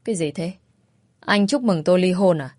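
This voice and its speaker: A woman's voice: on the low side, normal speed, a little mellow, dry recording, natural voice. Woman voicing a wry, exasperated young divorcee.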